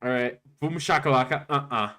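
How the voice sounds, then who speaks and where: A man's voice: mid-range voice, a little fast, sharp tone. A man hosting a live stream, chatting casually, swearing freely and sounding mock-indignant. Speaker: streamer host.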